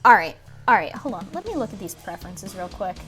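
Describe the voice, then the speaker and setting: A woman's voice: medium pitch, big pitch swings, fast, sharp tone. Sarcastic woman reading a game aloud. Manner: sarcastic, swears casually. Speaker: streamer. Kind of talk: reading a visual novel aloud with casual commentary. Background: faint music.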